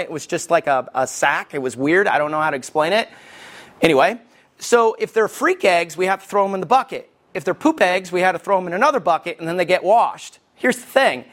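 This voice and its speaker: A man, preaching a sermon as lead pastor from Alabama with folksy, animated storytelling. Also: high voice.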